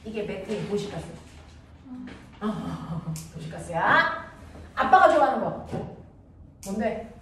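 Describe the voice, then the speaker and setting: A woman teaching a middle school science class, playfully asking quick check questions and drawing answers from her students. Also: medium pitch, very animated. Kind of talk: classroom lesson with call-and-response questions. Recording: echoey room, distant mic, background noise.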